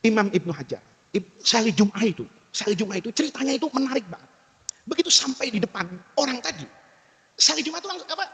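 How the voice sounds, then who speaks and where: A man's voice: very high-pitched, bright, forceful tone. A man preaching a sermon, telling a story with humor and asking rhetorical questions. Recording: reverberant hall, husky voice.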